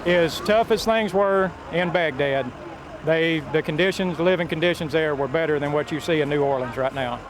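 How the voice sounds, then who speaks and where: Over clear outdoor vehicle noise, a man with a fairly high voice speaks plainly on location, like a soldier on duty. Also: moderate pace.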